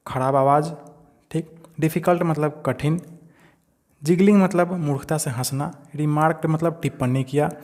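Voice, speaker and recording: A male teacher explaining an English lesson in Hindi. He reads English lines slowly, then explains them and keeps checking in with quick rhetorical questions. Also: fairly high pitch, darkish tone. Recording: long reverb from a hall-like room.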